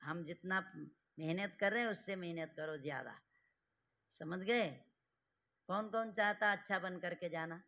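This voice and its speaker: A man teaching a grammar class to students in a classroom, slowly drilling them with repeated questions and giving stern, fatherly advice. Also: high-pitched, bright, forceful tone. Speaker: Sanskrit teacher.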